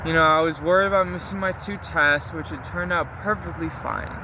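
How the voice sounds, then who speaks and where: A man's voice: fairly high pitch, fairly even intonation, a little fast, noisy background. A young adult man chatting casually and confessionally to listeners, rambling with slang and mild swearing. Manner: rambling, slangy, mildly profane. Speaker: vlogger recording a spoken diary.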